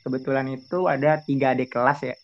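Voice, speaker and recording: A man's voice: mid-range voice, level tone, fast. A young man, a student guest, recounting a ghost story in a casual, rambling way with frequent hesitations and restarts. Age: young adult. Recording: dull lo-fi sound.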